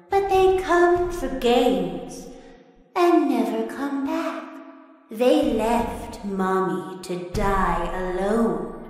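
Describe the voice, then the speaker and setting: A woman voicing a sadistic, sugary toy mommy in a video game, theatrical and singsong, with drawn-out gushing delivery. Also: fairly high pitch. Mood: bitter, mournful. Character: menacing long-limbed toy mommy, sugary sweet and sadistic. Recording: echoing hall reverb, music behind.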